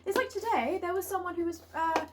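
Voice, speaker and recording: A woman's voice: very high voice, fairly quick. A young woman telling a story in casual chat, acting out exchanges as she retells them. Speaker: vlog co-host sharing retail stories. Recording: clear background noise.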